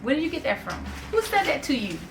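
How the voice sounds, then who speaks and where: A woman's voice: high voice, sing-song, fast talker, far from the mic, over music. A woman, chatting casually and emphatically, repeating phrases for stress. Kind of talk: casual conversation.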